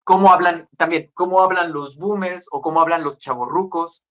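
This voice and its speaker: A podcast guest in his twenties, this man has a Guadalajara Mexican accent and a slightly high, somewhat bright voice at normal speed. He lectures through long, casual explanations, piling up examples and frequently tagging questions onto his sentences.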